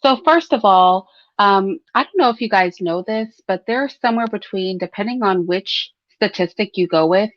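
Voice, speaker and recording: A woman talks through her opinions in an informal, conversational way, addressing listeners directly and checking in with tag questions. Her pitch is average for a woman. The recording is dry and slightly muffled, with very little room sound. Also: moderate pace, hardly any pauses, dry recording. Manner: frequent throat clearing. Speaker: host of a commentary livestream. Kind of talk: conversational solo opinion commentary.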